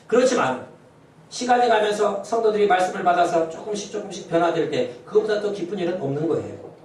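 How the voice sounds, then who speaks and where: High-voiced pastor preaching in echoey church. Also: male voice, darkish tone, slight background noise. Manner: fervent preaching, often inserting a short affirming "yes". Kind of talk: sermon. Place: church sanctuary. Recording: very echoey church hall, voice from far off.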